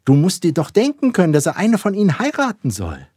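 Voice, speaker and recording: A man voicing a fussy, excitable middle-aged mother who is set on marrying off her daughters, impatient and pushy. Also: high voice, a little fast, slightly rough, dry recording, clean studio sound, pitched above the performer's own voice, exaggerated voice. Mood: insistent.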